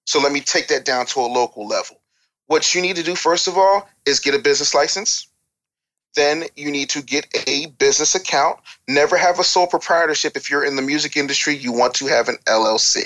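A man with a fairly bright voice on the high side talks fairly quickly as a guest expert on music business and promotion. He gives candid advice and tells anecdotes in a blunt, emphatic, lecturing manner, with casual swearing.

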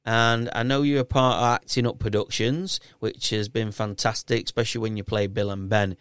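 A man's voice: lowish voice, fairly even intonation, normal speed, fairly bright tone, clean tone, dry recording. A man with a thick Yorkshire accent hosting a casual podcast in a chatty, encouraging, matey way. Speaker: podcast host and quizmaster.

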